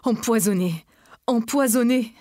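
A woman's voice: on the high side, unhurried, mellow, no echo, studio quality, voice pushed up, natural voice. A woman reading aloud voices a frantic, grieving husband who pleads and cries out in panic.

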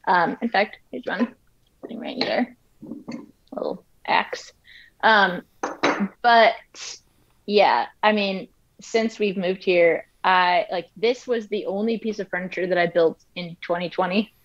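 A woman's voice: mid-range voice, a little slow. A woman in her thirties, a woodworker guest in casual interview chat, rambling with many fillers, speaking from her home wood shop. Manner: rambling, frequent fillers and restarts. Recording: dull lo-fi livestream audio.

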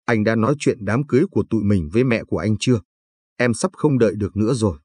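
A man's voice: on the low side, fast talker, darkish tone, husky, dry recording, clean studio sound. A man reading the lines of a frightened, tearful young pregnant woman in a spoken story. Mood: pleading. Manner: pleading.

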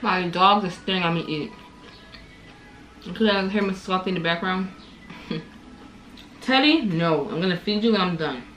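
A woman's voice: on the low side, normal speed, pauses often, a bit bright, soft background music, rough recording. A young woman vlogger chatting casually as she eats dinner on camera in her home kitchen, recorded by a camera close in front of her. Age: young adult. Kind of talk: casual chat while eating. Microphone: camera on table at close range.

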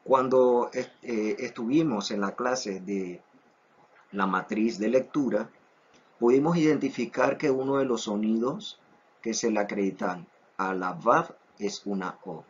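A low-voiced man teaches a class at an unhurried, careful pace, repeating each word three times for his students. His voice is a little husky, and the recording sounds dull and lo-fi. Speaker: Hebrew teacher. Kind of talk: online class lesson.

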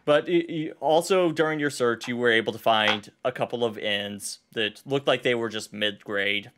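Guy gm on a stream, mid voice, kinda halting, lots of uh and restarts. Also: mid-range voice, background noise. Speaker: game master. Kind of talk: running a livestreamed tabletop game.

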